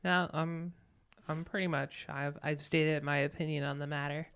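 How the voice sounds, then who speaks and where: A guest on a casual podcast offering suggestions in a matter-of-fact way. The voice stays flat, with very little rise and fall. Its pitch sits in the middle range. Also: normal speed, smooth. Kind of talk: casual chat.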